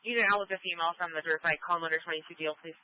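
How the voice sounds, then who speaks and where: A man's voice: on the high side, fairly even intonation, rapid-fire, dry recording. A male dispatcher giving clipped, procedural calls over a two-way radio, repeating addresses. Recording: tinny dry radio channel.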